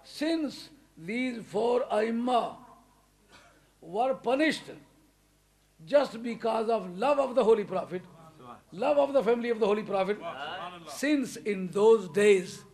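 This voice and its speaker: A Pakistani preacher with a high, animated voice delivers an English sermon to a congregation slowly, pausing often. In his Pakistani accent he speaks emphatically, rising to loud stresses and chuckling between points.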